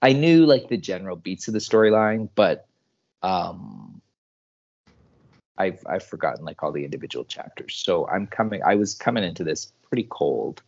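A male podcast co-host who talks about comics enthusiastically and chimes in with quick agreement. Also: low voice, animated, vocal fry, darkish tone, dull audio. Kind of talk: casual comic book discussion.

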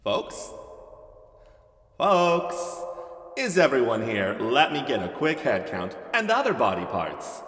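A man's voice: mid-range voice, very animated, moderate pace, hardly any pauses, a bit bright. An actor playing a folksy, cheerful male theme-park ride captain who talks in hammy showman patter. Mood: chipper. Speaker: ride narrator. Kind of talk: scripted ride spiel. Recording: echoey hall with background noise.

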